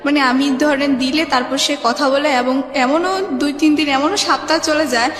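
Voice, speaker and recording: A young woman with a Bangladeshi accent is a guest telling her life story informally, rambling and often quoting dialogue she remembers. Her high-sitting voice is fairly bright and steady in tone, at normal speed. The recording carries a reverberant hall echo with music behind her.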